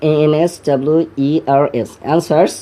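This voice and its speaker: A man with a Bengali accent teaching an English lesson to students in an online class. He repeats words slowly and drills their pronunciation. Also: on the high side, steady tone, dark tone.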